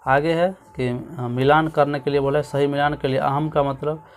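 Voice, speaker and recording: A man's voice: fairly high pitch, flat delivery, normal speed. Man teaching a schoolbook lesson. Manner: repeats "ठीक है" often, drills word forms aloud. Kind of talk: school lesson explaining a textbook.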